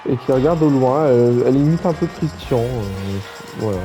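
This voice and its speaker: Dark-voiced rambling male commentator. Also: medium pitch, lively intonation, normal speed, soft background music. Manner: rambling, joking, with many fillers. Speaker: wrestling commentator. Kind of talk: casual play-by-play commentary for a wrestling game.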